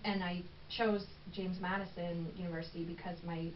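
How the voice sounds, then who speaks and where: A woman appears as a podcast guest in a casual conversational interview, chatty and candid with lots of ums. Her low voice has little pitch movement and a normal speed. The recording is dull and faintly noisy, from a distant mic in an echoey room with a crowd in the background.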